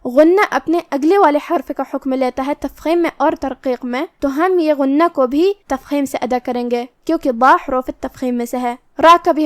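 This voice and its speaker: A woman teaching Quran recitation rules, explaining step by step and reciting verses slowly. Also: sits high, no echo, studio quality. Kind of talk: tajweed lesson with slow recitation.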